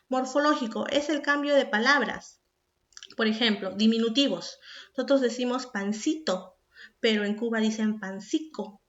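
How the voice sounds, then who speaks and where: A woman from Peru, a secondary school teacher explaining a recorded class and speaking directly to the student with questions. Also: fairly high pitch. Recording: echoey room, dull lo-fi sound.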